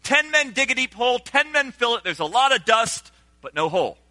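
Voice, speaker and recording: A pastor who grew up in Senegal preaching a sermon, animated and engaging the congregation with call-and-response. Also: male voice, very high voice, fairly quick, no echo.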